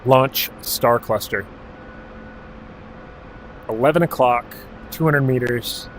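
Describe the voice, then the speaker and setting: Male streamer from Alaska, average pitch, easygoing chat with terse command callouts and casual swearing. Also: slow pace, a little hiss or hum, poor audio. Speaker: game streamer. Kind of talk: casual live-stream chat while playing.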